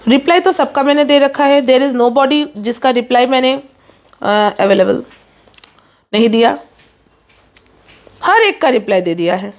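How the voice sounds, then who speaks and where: High-voiced woman rattling off a sales pitch. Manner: rapid, pushy sales patter, mixing English in. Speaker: online saree seller. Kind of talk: live sales stream.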